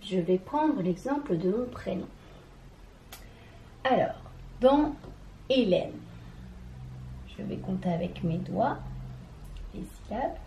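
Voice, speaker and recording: Woman teacher, children's reading lesson, slow and careful, syllable by syllable, echoey room, faint hiss. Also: medium pitch, lively intonation, dark tone. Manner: addresses the child directly.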